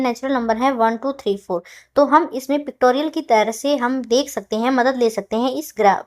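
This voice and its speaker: A woman with a slightly high voice teaches a maths lesson. She walks through each step by asking questions and answering them herself, mixing English terms into her explanation. When she dictates definitions she draws the words out slowly, one by one. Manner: slow, drawn-out dictation of definitions word by word.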